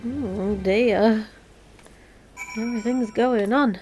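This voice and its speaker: Female gaming host, highish voice, sarcastic and playful offhand commentary. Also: takes it slowly, a little mellow, soft background music. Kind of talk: casual let's play commentary.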